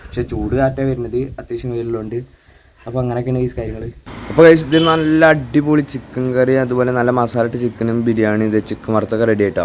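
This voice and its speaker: A young man speaks very rapidly in a Thrissur Malayalam accent at an average male pitch. He drops English words into his Malayalam as he talks casually to his viewers. It has the informal delivery of a day-in-the-life vlog, recorded without an external microphone. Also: darkish tone, a little hiss or hum. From Kerala, India. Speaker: vlogger. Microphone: handheld camera or phone without external mic.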